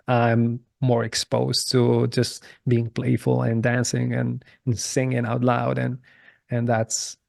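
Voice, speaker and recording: A man in his thirties, a podcast guest, speaking at a middle pitch with a gravelly texture and little melodic movement. He is candid and halting, often repeating words as he starts a thought, and the recording is close and dry. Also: darkish tone, dry recording. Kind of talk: casual conversational interview.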